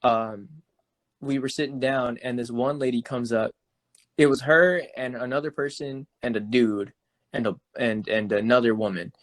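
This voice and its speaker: A young man co-hosting a podcast, telling an animated story with lots of "like" and restarts. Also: medium pitch, moderate pace. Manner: animated storyteller, full of "like" and restarts, laughs often. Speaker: podcast co-host. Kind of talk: casual storytelling chat.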